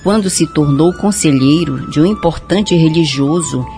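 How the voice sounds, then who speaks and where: Old grandmother storyteller for a children's show, played by a woman, low, kindly, singsong endings, music behind. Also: moderate pace, dark tone. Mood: storytelling.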